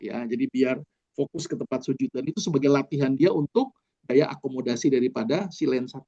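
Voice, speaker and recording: A man's voice: medium pitch, brisk, mellow, lo-fi sound. A man, a doctor, giving a casual online lecture, explaining step by step with frequent fillers.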